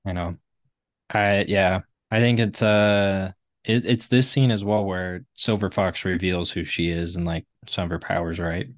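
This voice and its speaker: A man's voice: low-pitched, fairly even intonation, a little slow, no echo, clean studio sound. A man co-hosting a casual book discussion podcast, rambling with lots of "like" fillers. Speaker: podcast co-host.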